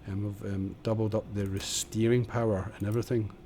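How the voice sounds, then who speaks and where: His lowish, warm voice is level and brisk as he streams a building game at home, chatting, muttering while he works, and poking fun at himself. The casual tutorial commentary comes through a desk condenser mic with slight hiss or hum.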